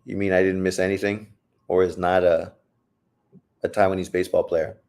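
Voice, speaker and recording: A livestream host reacts to a boxing fight as it unfolds, speaking in a low, darkish voice with little pitch movement at a moderate pace. The adult man, old enough to say he got old, fields chat questions in a blunt, profane, joking way during his casual commentary.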